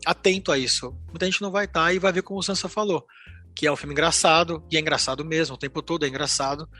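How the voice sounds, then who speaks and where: A man's voice: a little high, steady tone, fast talker, bright, forceful tone, faint music behind. A man with a Brazilian Portuguese accent, hosting a film podcast in opinionated casual chat.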